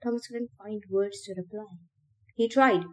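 A woman reading a novel aloud for a podcast in a steady, measured way. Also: medium pitch. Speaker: podcast reader.

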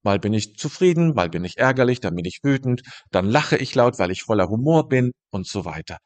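A man teaching about meditation in a calm, thoughtful way, speaking directly to the listener and pausing to rephrase his ideas. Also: fairly low pitch. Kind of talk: reflective spoken teaching monologue.

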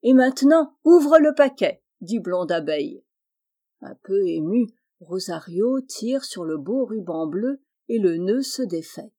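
A woman narrating a children's storybook aloud. Her delivery is clear and expressive, and her voice has a warm, mellow tone at a medium pitch.

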